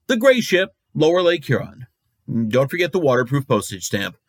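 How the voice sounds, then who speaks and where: A man playing a frazzled, lonely local radio host with deadpan, rambling comic patter. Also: fairly high pitch, moderate pace, no room sound, clean studio sound. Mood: mock cheerful. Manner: rambling, deadpan patter that slips into weary muttering. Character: frazzled, lonely male radio advice host, darkly cheerful.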